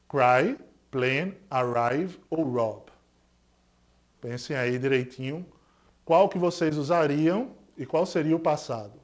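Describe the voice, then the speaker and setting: A male English teacher with a Pernambuco Brazilian Portuguese accent gives a recorded lesson, asking students questions and confirming each point. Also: fairly high pitch. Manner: didactic, asks students rhetorical questions and confirms with "certo?"; stresses English example words more loudly.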